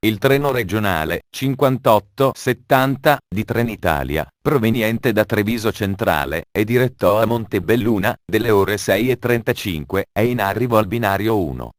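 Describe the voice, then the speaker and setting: A man giving formal, measured train station announcements in an automated announcement style. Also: fairly low pitch, lively intonation, no echo, studio quality.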